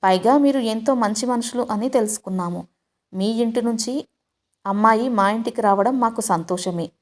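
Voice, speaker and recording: Woman voicing an elderly grandmother, stern, reproachful, measured, storybook tale. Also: fairly high pitch, lightly acted. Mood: persuasive.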